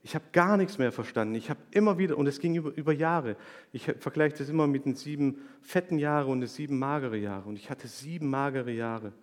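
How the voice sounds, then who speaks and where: A man's voice: medium pitch, fairly quick. Earnest man testifying in a reverberant church. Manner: earnest, confessional, swings from hushed to loud. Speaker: church member giving a testimony. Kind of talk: emotional sermon testimony. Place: church hall. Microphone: handheld microphone. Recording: long church hall reverb.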